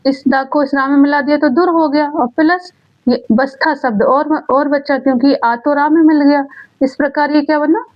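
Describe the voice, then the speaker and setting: Woman, high-pitched, teacher, exam-prep grammar lesson, repeats key words, self-answering questions. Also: fairly even intonation, moderate pace. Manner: asks a question, then answers it herself. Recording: dull lo-fi sound.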